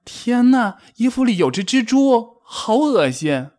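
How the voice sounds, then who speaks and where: A man voicing a timid, excitable young female rabbit in a storybook, with a shrill, panicky way of talking. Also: unhurried.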